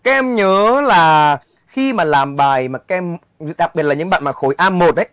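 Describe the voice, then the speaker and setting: Chatty teacher, dry close sound. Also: male voice, fairly high pitch, lively intonation, normal speed, fairly bright tone, no echo. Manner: chatty, keeps checking in with students. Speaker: English teacher. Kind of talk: exam walkthrough lesson.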